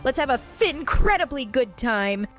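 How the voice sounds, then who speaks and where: A woman's voice: high-pitched, expressive, measured pace, faint music behind. A synthetic woman's voice playing a cheery young female cartoon fish, bubbly and full of sea puns. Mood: chirpy.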